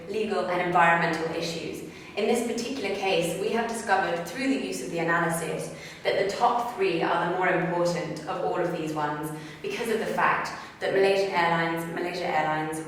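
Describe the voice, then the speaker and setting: A woman explains her team's analysis in a formal manner, with a fairly low voice. She is heard from far off in a hall with a long, strong echo. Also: slight background noise. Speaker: student presenter. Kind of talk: team case presentation. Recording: echoey hall from a distance.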